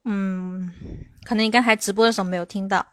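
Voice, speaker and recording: A woman English teacher answering viewers' questions in a livestream, explaining slowly and stressing her English examples. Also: medium pitch, steady tone. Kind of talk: livestream Q&A lesson.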